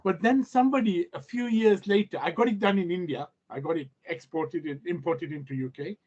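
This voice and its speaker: A man with a high, rough-edged husky voice talks casually as a participant in a discussion. He recounts and questions conversationally, and the audio is muffled and lo-fi. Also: brisk, darkish tone. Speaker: satsang participant asking questions.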